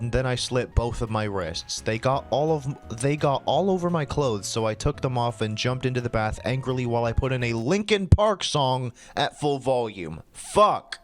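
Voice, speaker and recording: A man hosting his channel, reading fan fiction aloud with swearing and exasperated asides. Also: mid-range voice. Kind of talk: comedic dramatic reading.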